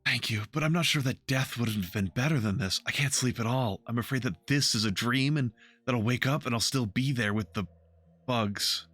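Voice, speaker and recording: A man's voice: mid-range voice, moderate pace, a bit bright, no room sound, natural voice. A man voicing a frightened, haunted young elf woman in a video game, reading her lines aloud with a raised, strained voice.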